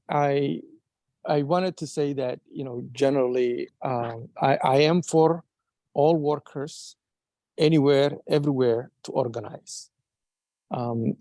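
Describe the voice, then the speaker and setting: A man from Somalia speaking up at a community meeting, earnest and halting with many restarts. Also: medium pitch, dark tone, dry recording. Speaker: audience member. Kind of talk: casual remarks at a meeting.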